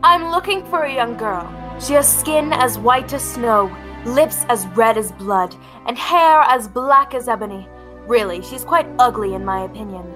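A woman's voice: fairly high pitch, animated, unhurried, fairly bright tone, rough recording. A woman playing a vain, wicked fairy-tale queen with theatrical villain menace in an audio drama. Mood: haughty. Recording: music behind the voice.

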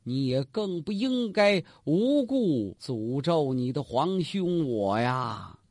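A male storyteller voicing a shaken, grieving emperor who reproaches his brother haltingly. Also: on the high side, big pitch swings, darkish tone, no room sound, studio quality, voice pushed down, exaggerated voice. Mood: reproachful.

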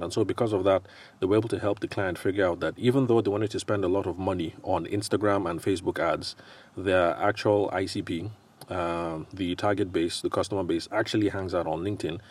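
A man with a Nigerian accent hosting a solo podcast in a casual, explanatory way, often pausing hesitantly as he thinks aloud. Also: low-pitched, a little mellow. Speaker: podcast host.

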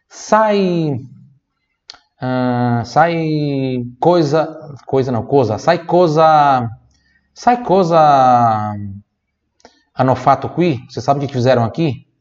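A man from Brazil teaching a language lesson, saying phrases slowly and then explaining them at a quicker pace. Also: medium pitch, a little mellow, muffled recording.

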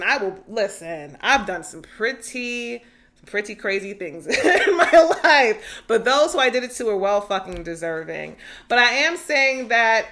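A woman in her thirties talks through a casual solo podcast with a bright, somewhat high voice. She is animated and slangy, swears freely and laughs a lot. Now and then she turns to spiritual, preachy reflections. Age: 30s. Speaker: podcast host.

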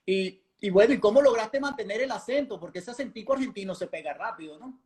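A man's voice: high-pitched, lively intonation, fast, darkish tone. A man acting as interviewer, asking short questions and giving brief agreeing replies in a casual chat.

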